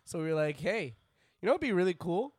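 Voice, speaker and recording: A man co-hosting a podcast in casual chat, joking and swearing in quick banter. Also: high-pitched, sing-song, a little mellow, no echo, studio quality. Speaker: podcast co-host.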